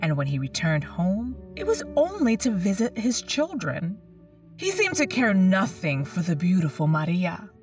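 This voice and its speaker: Female horror host, lowish voice, dramatic suspenseful storytelling, a bit off-mic. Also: big pitch swings, darkish tone, recorded from a distance. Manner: theatrical, drawn-out suspenseful phrasing. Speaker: host of a spooky storytelling show. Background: music.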